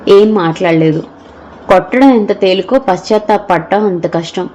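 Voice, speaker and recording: A woman narrating an audio novel with a steady, measured reading. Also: medium pitch, a little hiss or hum, rough recording.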